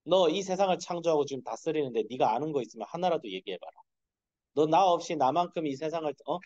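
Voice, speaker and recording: A man's voice: a little high, expressive, fast, a little mellow, dry recording. A man voicing a stern God who bluntly challenges a man to debate him, in a sermon. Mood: challenging. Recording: dull, dry lo-fi sound.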